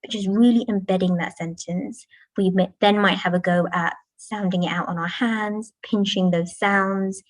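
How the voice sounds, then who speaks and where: A woman's voice: medium pitch, steady tone, normal speed, no echo, low-quality recording. A woman teacher giving a talk to parents, explaining patiently and modelling classroom chants. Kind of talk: presentation to parents. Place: school, indoors.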